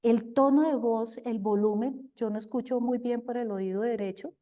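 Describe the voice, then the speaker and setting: Expressive Colombian woman, mellow voice. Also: on the high side, moderate pace. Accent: Colombian Spanish. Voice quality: talks loudly at times. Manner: expressive, addresses listeners as companions. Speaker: speaker at a recovery group talk. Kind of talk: personal sharing talk.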